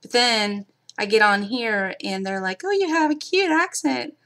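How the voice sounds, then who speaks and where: This middle-aged Kentucky woman, with a mild local accent, chats casually with viewers during a live craft stream. Her voice is a little high and a bit bright, with lively intonation and a slightly slow pace, and she talks chattily to people in the chat.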